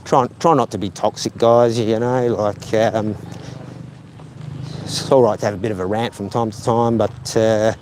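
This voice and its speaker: A man's voice: lowish voice, steady tone, moderate pace, darkish tone, slight background noise. A middle-aged man, live-streaming as he walks outdoors by a lake, chatting in a meandering, self-deprecating way full of fillers. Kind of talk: casual rambling live stream chat.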